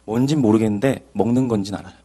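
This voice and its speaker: A man in his thirties, an evangelist, giving an earnest, animated Bible lecture that mixes in his personal testimony. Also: fairly low pitch, quick pace, slightly rough.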